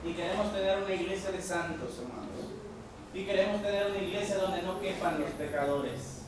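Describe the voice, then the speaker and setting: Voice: mid-range voice, brisk. A preacher delivers a sermon, calling the listeners brothers and leaning on rhetorical questions. The voice rings through a very echoey church hall. It is picked up from a distance, with faint noise behind it. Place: church sanctuary.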